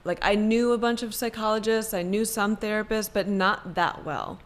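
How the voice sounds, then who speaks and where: A young adult woman psychiatrist from Maryland in the United States appears as an interview guest, talking casually and thoughtfully with many fillers and self-corrections. Her mid-range voice has fairly even intonation at normal speed.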